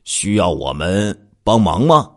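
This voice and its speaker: A man voicing a middle-aged male village militia captain who speaks slowly and emphatically in an officious way. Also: deep voice, very animated, darkish tone, heavily acted. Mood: earnest, officious.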